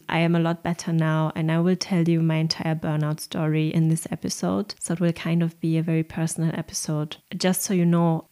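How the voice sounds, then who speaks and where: A woman's voice: on the low side, warm tone. A young woman with a German accent hosting her own podcast, speaking in an earnest, open way. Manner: earnest, open, occasional light laughs. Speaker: podcast host and osteopath. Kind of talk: personal podcast monologue.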